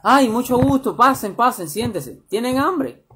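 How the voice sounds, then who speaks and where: A woman's voice: fairly high pitch, expressive, fairly bright tone, husky, voice pushed up, heavily acted. Man putting on a fussing mother. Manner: anxious, fussing, quick questions. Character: worried middle-aged Cuban mother, fussing.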